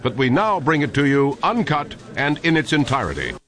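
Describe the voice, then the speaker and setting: An actor playing an earnest, dramatic news anchor in a polished mock newscast for a children's radio drama. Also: male voice, a little high, huge pitch swings, normal speed, a crowd in the background. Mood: serious.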